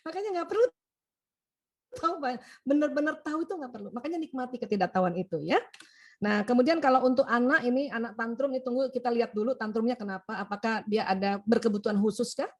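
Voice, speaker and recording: High-voiced woman giving a lively talk. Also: fast talker. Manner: animated, acts out quoted dialogue, laughs often; frequent "ya" tag at phrase ends. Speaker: doctor giving a talk on emotions and family.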